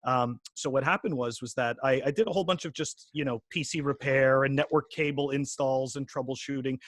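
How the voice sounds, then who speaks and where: A man's voice: mid-range voice, steady tone, brisk, a bit bright, no echo, studio quality. A man in his forties from Quebec, a podcast guest chatting casually, rambling with many restarts and fillers. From Quebec, Canada. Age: 40s. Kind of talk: casual interview chat.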